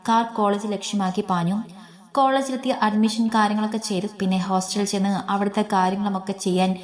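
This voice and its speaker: A woman reading a long story aloud as its narrator. Her delivery is gentle and even, carrying the scenes at a steady storytelling pace. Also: mid-range voice, a little fast.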